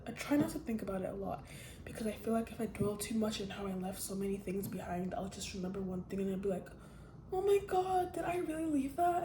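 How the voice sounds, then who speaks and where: A woman's voice: mid-range voice, echoey room, noisy background. A teenage girl chatting casually to the camera, telling a rambling personal story with many restarts. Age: teens. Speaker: vlogger. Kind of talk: casual chat.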